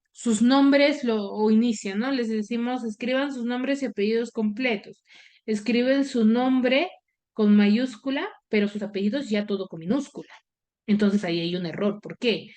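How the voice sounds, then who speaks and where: Woman teacher on a video call, talks real slow, keeps asking the kids short check-in questions. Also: a little high, darkish tone. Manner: explains slowly, questioning pupils. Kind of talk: online class lesson.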